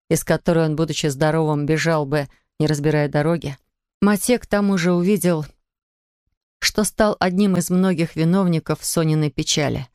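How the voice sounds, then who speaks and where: Low-voiced woman narrating a novel. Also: clear, resonant tone, dry recording, clean studio sound. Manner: even, measured storytelling. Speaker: audiobook narrator. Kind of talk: scripted literary narration.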